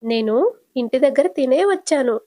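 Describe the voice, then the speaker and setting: Calm, patient older sister with a fairly high voice, as a woman storyteller voices her; retold serial. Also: moderate pace. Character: gentle modest young married woman, older sister. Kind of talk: casual retelling of a TV serial.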